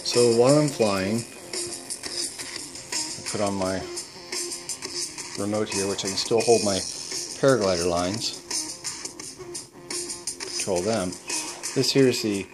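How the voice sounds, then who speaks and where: Speaking slowly and pausing often, a man with a lowish voice walks through the gear he built himself at home. Music plays underneath, the recording is low quality, and his manner stays plain and matter-of-fact in this casual paragliding demo.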